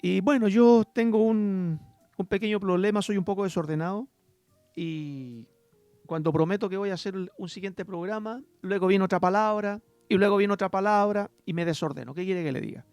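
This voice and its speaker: A man's voice: sits high, moderate pace, a little mellow, clear, resonant tone, no echo, faint music behind. A man pastor giving a rambling, self-deprecating Bible teaching, often calling out to his listeners as brothers. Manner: rambling, self-deprecating, with frequent "hermanos" asides. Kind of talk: radio-style Bible teaching.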